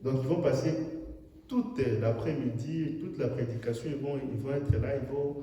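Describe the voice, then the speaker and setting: Emphatic preacher in an echoing church hall. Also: male voice, medium pitch, normal speed. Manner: emphatic preaching, voice rising loud when retelling a story. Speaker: pastor. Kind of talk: sermon. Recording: echoey hall from far off.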